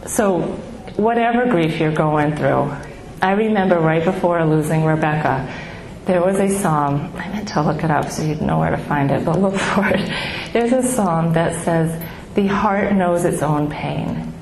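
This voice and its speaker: The voice is deep yet soft and small, belonging to a middle-aged woman who calls it baby-like. She offers a halting, heartfelt testimony at a grief support gathering, full of ums and restarts. Background noise and echo fill the hall.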